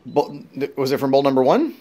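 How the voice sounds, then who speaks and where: A woman's voice: rumbling low, very animated, fairly quick, warm tone. A woman hosting a family taste test on a casual home video, announcing things repeatedly like a game-show host. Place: home dining room with family around a table. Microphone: handheld phone camera.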